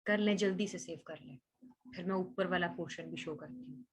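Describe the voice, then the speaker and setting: With a lowish, husky voice, a woman guides students through Quran recitation in an online lesson. She patiently fixes pronunciation sound by sound and stretches recited words out slowly before she explains them.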